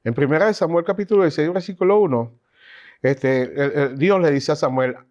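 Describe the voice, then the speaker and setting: A man teaches a Bible class in a lively, conversational manner, full of asides. His voice sits fairly high for a man. The recording sounds dull and lo-fi. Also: a little fast. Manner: animated, chatty teaching with asides and laughs.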